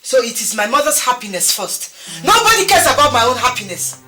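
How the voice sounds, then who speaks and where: An actress with a Nigerian accent playing a headstrong young woman demanding to marry, defiant and sharp. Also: fairly high pitch, sing-song, fairly quick, low-quality recording. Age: young adult. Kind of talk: film drama acting. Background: film score music.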